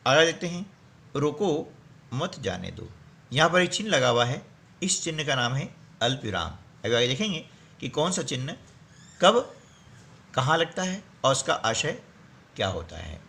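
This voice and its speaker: Lively, bright-voiced male teacher. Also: on the high side, normal speed, pauses often. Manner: explains step by step, keeps checking with "है ना" and "ठीक है ना". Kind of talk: workbook lesson explanation.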